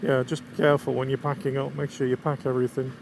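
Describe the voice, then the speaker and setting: A man's voice: medium pitch, level tone, fast talker, vocal fry. A man with a Lancashire accent gives casual, chatty commentary to viewers as a motorcycle vlogger, enthusiastic and riding outdoors. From England. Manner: chatty, enthusiastic about scenery and bike. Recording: constant road, wind and vehicle noise.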